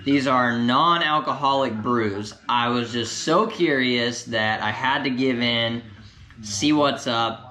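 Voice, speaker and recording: Male vlogger, mid pitch, relaxed chatty delivery, roomy home sound with faint background hum. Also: takes it slowly. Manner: chatty, easygoing, talks while eating. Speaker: cycling vlogger. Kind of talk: casual vlog to camera. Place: home, kitchen and couch.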